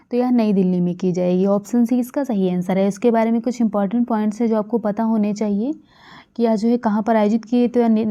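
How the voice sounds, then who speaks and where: A woman from India teaches a current affairs lesson for exam students, repeating each key fact and pausing on fillers. Her voice sits a little high and sounds very dark and mellow. The recording is muffled and lo-fi. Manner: repetitive, drilling key facts with frequent fillers. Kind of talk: exam-prep lecture. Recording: dull lo-fi recording.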